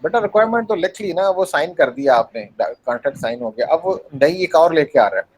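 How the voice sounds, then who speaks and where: A man's voice: on the high side, animated, a little fast, rough recording. A man teaching a university class, explaining with small acted-out scenes, asking students questions and mixing English phrases into his talk. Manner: mixes English phrases into Hindi speech. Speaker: university lecturer. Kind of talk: classroom lecture.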